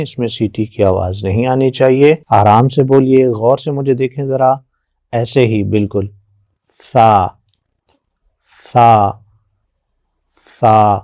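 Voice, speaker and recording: A man teaching children their letters, patient and encouraging, often praising and drilling slow repetitions. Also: on the low side, mellow, no echo. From Pakistan. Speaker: Quran teacher.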